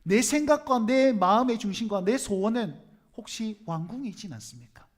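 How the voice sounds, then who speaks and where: Lively Gyeongsang pastor preaching. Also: male voice, high-pitched, normal speed. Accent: Gyeongsang Korean. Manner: humorous, asks the congregation questions, acts out quoted speech. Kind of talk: sermon.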